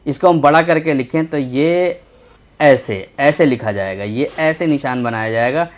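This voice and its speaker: A man teaching a children's Urdu lesson, patient and slow, repeating each letter as he writes. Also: medium pitch. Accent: Indian Urdu. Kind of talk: textbook lesson for young children.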